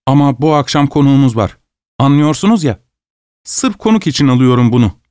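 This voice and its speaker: A man's voice: mid-range voice, lively intonation, a little fast, a little mellow, no room sound, studio quality, close to an everyday voice. A man voicing a fussy stingy host. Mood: wheedling. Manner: fussy, ingratiating, strained politeness. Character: stingy anxious male host, middle-aged.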